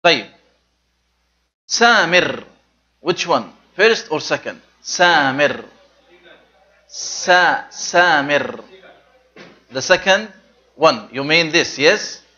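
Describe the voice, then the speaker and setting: A man teaching an Arabic class online, switching between Arabic and English and repeating each word slowly for his students to say after him. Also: on the high side, lively intonation, pushed and bright, highs cut off.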